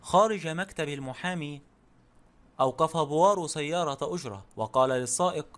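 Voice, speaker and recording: Guy narrating an audiobook, steady even reading, voice on the higher side. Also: fairly quick.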